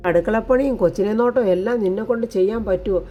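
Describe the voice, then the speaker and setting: Grumbly sullen middle-aged manservant, read by a woman, mellow voice. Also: mid-range voice, very fast, highs cut off, slight background noise, close to an everyday voice. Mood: grumbling. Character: grumbling middle-aged male servant, hostile and ominous.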